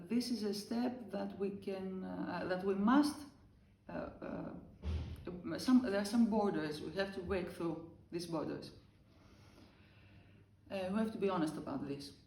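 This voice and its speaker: A woman from Greece with a Greek accent, speaking English as a second language in halting, earnest interview answers full of pauses. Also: lowish voice, creaky, dark tone, echoey room, far from the mic. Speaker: traditional drummer.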